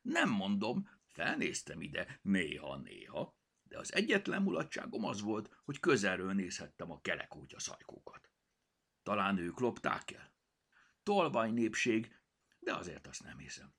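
A vain, touchy house cat, played by a male narrator drawls its lines with pompous mock drama. The voice leaps up high and swoops around widely, with a husky texture. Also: wildly swooping pitch, fairly bright tone, full character voice. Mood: offended.

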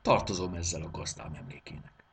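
A man's voice: sits low, steady tone, vocal fry, background noise. A man doing Debóra, a polite old pocket watch. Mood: wistful. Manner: courteous and apologetic, fussy about her springs.

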